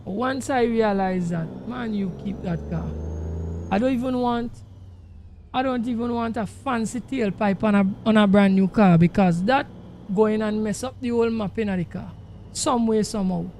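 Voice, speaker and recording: Over the rumble of a truck engine from his game, a gravelly Jamaican streamer chats with his audience at a moderate pace, his tone on the darker side. His casual talk is emphatic and full of repetition, and the audio is noisy.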